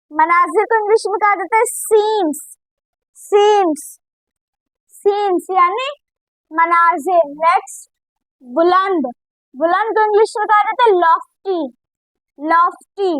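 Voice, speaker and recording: A woman with a very high, light voice runs a vocabulary drill, taking each word slowly and repeating it over and over so learners can copy the sound. Her voice is close and dry, with no room echo around it. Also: fairly bright tone. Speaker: English vocabulary teacher.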